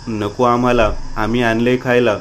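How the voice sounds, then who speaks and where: A man's voice: mid-range voice, level tone, moderate pace, a little hiss or hum, close to an everyday voice. A man voicing a stubborn, hot-tempered young man in a storybook reading.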